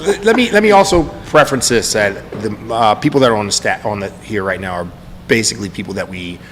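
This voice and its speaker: A man's voice: fairly low pitch, lively intonation, fast. A man hosting a casual podcast from his bike shop, joking and rambling with restarts. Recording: reverberant room, faint background hum.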